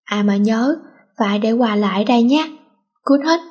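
A woman doing a loud bossy teenage girl. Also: fairly high pitch, normal speed, slightly rough. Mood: yelling angrily. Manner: shouting, bossy.

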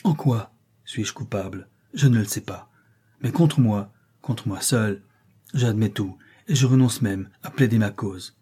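A man voicing a desperate mother pleading loudly for her children. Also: on the low side, measured pace, slightly rough. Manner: impassioned, crying out, pleading. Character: desperate European mother pleading before sultan.

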